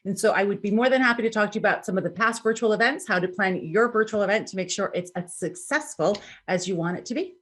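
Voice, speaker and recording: A woman guest on a podcast, talking over a video call in a relaxed, playful way. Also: medium pitch, fast talker, few pauses. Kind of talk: casual chat.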